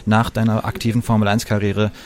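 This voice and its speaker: A man hosting a podcast interview in a station lounge, asking relaxed questions with a few fillers. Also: lowish voice, fairly quick. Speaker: podcast host.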